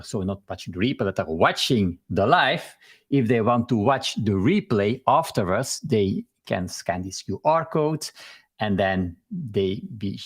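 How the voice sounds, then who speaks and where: Belgian male stream host, husky voice, halting delivery over a video call. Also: on the low side. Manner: halting, with many fillers and restarts. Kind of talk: casual live stream interview.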